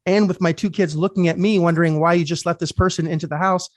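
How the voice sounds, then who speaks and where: A man's voice: sits high, fairly even intonation, fast talker, no echo. A man from Canada hosting a podcast, telling candid personal stories in casual chat and swearing freely. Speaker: podcast host.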